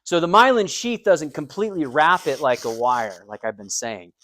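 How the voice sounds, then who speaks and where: This recorded lecture features a man with an American accent teaching anatomy and physiology conversationally, checking in with students and explaining things through everyday comparisons. His fairly bright voice sits on the high side, swinging widely in pitch at a moderate pace.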